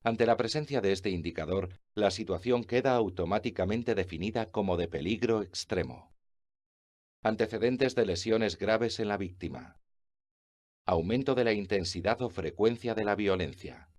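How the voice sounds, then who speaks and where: Guy reading info text, lowish voice, steady list reading. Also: normal speed.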